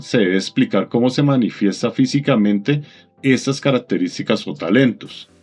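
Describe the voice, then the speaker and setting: A man narrating a software tutorial in a calm, methodical, instructive voice-over. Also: lowish voice.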